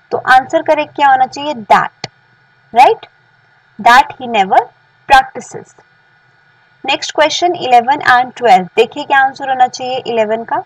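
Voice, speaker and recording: An Indian woman teaches English grammar in a bilingual lesson, reading example sentences slowly and asking rhetorical questions. Her voice sits a little high and sounds husky. The recording is dry, with the mic set back from her. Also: dry recording, far from the mic, rough recording. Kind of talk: bilingual classroom-style lesson.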